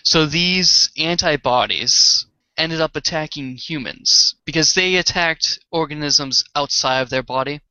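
A man with a Boston accent co-hosting a podcast, explaining things in a slow, halting way with many fillers. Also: on the high side, sharp tone, smooth, no room sound, lo-fi sound. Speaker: podcast co-host. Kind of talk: casual chat.

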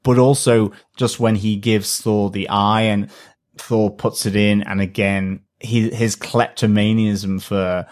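Male podcast co-host, low voice, enthusiastic and fond, loose casual delivery. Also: flat delivery, takes it slowly. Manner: enthusiastic, gushing about favourite characters. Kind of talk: casual film review chat.

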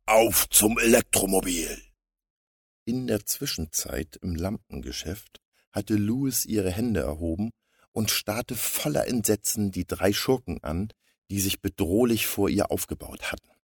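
Male storyteller, very low and husky, dry close recording. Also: lively intonation, a little slow, darkish tone, no echo. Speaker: narrator. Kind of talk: storybook reading.

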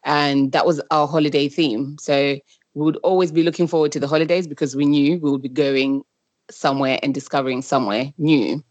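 In a dry recording, a Zimbabwean-born woman raised partly in the UK from about age ten talks as a podcast guest and travel brand founder. Her low, darkish voice holds a steady tone at a brisk pace as she answers conversationally, rephrasing while thinking aloud.

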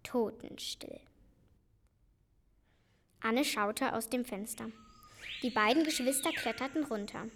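A woman narrating a radio play in a calm, even storytelling manner. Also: fairly high pitch, takes it slowly, long pauses. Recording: hissy amateur recording.

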